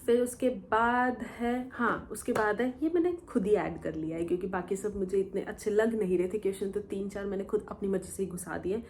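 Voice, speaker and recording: A young woman vlogger casually telling a story in a Q&A video, animated and colloquial, often mixing in English words. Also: medium pitch, brisk, few pauses, a little hiss or hum.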